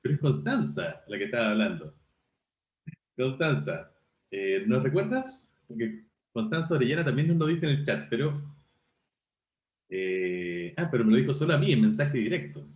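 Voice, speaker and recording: Male teacher on a video call, mellow voice with a lively, animated pitch, often asking whether his students follow; the audio sounds roomy and dull. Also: normal speed. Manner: questioning, checks understanding often. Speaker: university teacher. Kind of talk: online class review.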